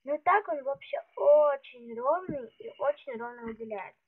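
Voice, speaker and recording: The tinny, phone-like recording carries loud noise as a sick woman vlogger presents her stationery at a desk indoors, hands resting on the table. Her high-pitched voice is lively and moderately paced, affected by her illness, and her casual talk is chatty, hesitant and packed with fillers.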